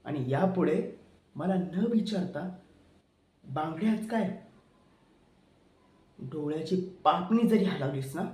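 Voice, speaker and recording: A man acting out an obsessive young psychopath who talks in a high, unhurried voice, slow and coaxing, then cold with menace. His voice rings in an echoey room. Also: animated, dark tone. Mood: menacing. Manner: coaxing then threatening, pleading repeats. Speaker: auditioning actor. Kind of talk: audition monologue acting.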